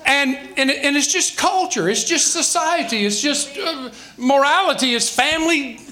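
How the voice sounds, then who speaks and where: A pastor in his sixties with a Southern American accent preaches in a very high-pitched, sharp voice with lively intonation at a moderate pace. He's emphatic, using rhetorical questions and folksy asides throughout.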